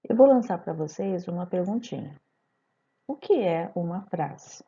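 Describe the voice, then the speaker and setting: A woman's voice: lowish voice, expressive, a little slow, dark tone, husky, highs cut off. A woman teacher giving a recorded grammar lesson, explaining terms step by step and asking her students rhetorical questions. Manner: didactic, addresses students directly with rhetorical questions.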